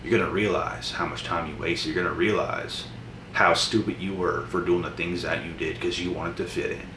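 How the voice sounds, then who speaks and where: Young male motivational vlogger, very low voice, blunt and preachy, distant echoey room with noise. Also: fairly even intonation, normal speed. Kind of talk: motivational monologue to camera.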